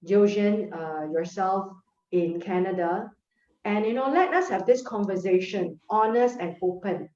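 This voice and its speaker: A woman's voice: medium pitch, unhurried, warm tone. A woman hosts an interview over a video call, speaking earnestly in long, encouraging stretches. Her voice is heard from a distance in a roomy space, and the audio is dull. The whole thing sounds like lo-fi call audio. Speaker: host.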